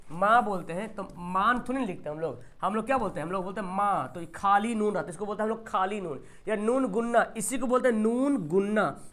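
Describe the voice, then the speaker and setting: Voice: medium pitch, fairly bright tone. Quizzing teacher drawing out words. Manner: asks quiz questions and answers them, drawing out example words. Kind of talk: exam-prep grammar lesson.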